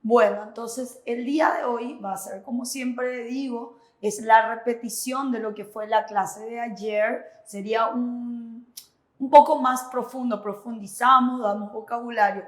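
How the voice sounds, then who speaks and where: A woman's voice: fairly high pitch, steady tone, measured pace, reverberant. A woman teaching a Korean language lesson in Spanish, explaining step by step in a reassuring way. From Paraguay. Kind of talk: classroom explanation.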